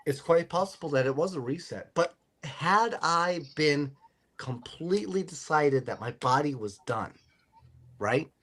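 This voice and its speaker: A man hosting a podcast, telling his own story in a casual, animated way. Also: on the high side, measured pace. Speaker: podcast host. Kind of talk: casual chat.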